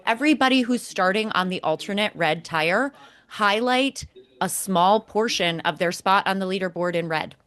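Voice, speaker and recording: A woman co-hosts a motorsport podcast, delivering emphatic, critical commentary on race broadcasts and laying out her points one by one. Her mid-range voice is a bit bright and moves at a moderate pace.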